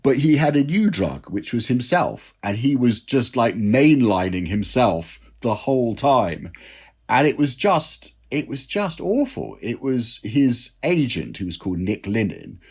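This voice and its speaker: A man's voice: mid-range voice, very animated, unhurried, breathy edge. A man, a drinks writer, telling self-deprecating anecdotes as a guest in an interview. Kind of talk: interview storytelling.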